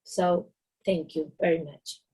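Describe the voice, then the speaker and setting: A woman, introducing herself as a course participant on a video call, halting with many restarts. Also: on the low side, fairly even intonation, dark tone, husky, poor audio. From Argentina. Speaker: ministry coordinator, course participant.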